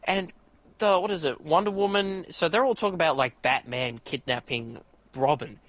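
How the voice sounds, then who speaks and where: A man's voice: moderate pace, dull audio. A man hosting a podcast, telling a rambling story in casual chat, swearing a lot and restarting his sentences. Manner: excitable, profane storytelling with restarts; leaps to much higher pitch when outraged. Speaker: podcast host.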